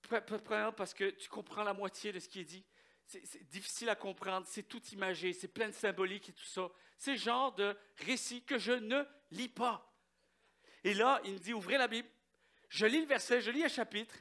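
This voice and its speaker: A high-pitched young pastor tells a sermon story. His voice is bright and forceful, and his delivery is lively and anecdotal, with quick restarts.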